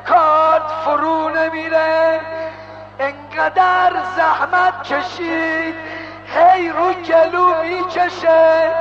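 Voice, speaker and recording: A man preaching a dramatic sermon, telling the story with passion and breaking into shouts and chanted lines. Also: very high-pitched, gravelly. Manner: impassioned, bursts into shouting and chanting. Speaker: religious preacher. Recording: dull lo-fi recording with music. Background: music.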